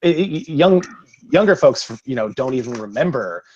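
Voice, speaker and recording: A man who works as a freelance photographer, speaking on a discussion panel in a halting way, with many fillers and restarts. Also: mid-range voice, expressive, darkish tone, muffled recording. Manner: halting, full of "you know" and "um" fillers.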